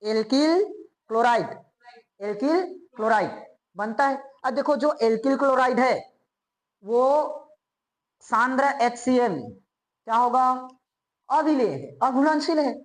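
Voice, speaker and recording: A woman's voice: fairly high pitch, a little slow, pauses often, low-quality recording. A woman teaching a chemistry lesson, asking students repeated check questions and then answering them herself. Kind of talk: classroom lecture.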